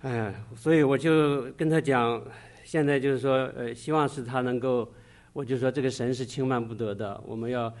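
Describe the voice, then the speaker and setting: Middle-aged male preacher at mid pitch, earnest, stops and restarts mid-sentence while sharing testimony. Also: fairly even intonation. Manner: earnest, halting, pausing often mid-sentence. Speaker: church preacher. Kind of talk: sermon with personal testimony.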